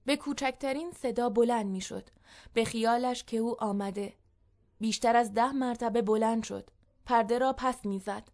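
A woman reads a story aloud as narrator. Her pacing is measured and even. Her voice sits a touch higher than most.

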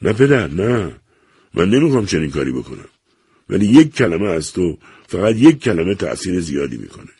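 A desperate middle-aged son begs his father, pleading and blaming himself, as a male narrator voices him in an audiobook. The voice is deep, gravelly and husky. It is recorded close and dry. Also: sing-song, dark tone, no echo, heavily acted. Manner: pleading, self-reproaching. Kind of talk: audiobook character reading.

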